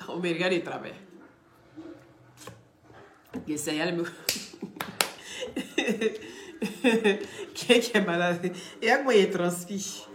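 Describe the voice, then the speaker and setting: A woman with a head cold, ranting loudly on a live stream, teasing and scolding. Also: mid-range voice, very animated, drawn-out words, long pauses, reverberant. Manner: talks loudly, teasing and scolding, often laughing. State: head cold, blocked ears. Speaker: live streamer and gossip commentator. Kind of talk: casual live-stream rant.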